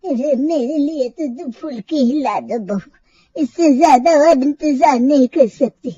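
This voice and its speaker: A woman voicing an elderly mother-in-law in a cartoon story, complaining in a slow, drawn-out way. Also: sits high, warm tone, no room sound, lo-fi sound. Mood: grumbling.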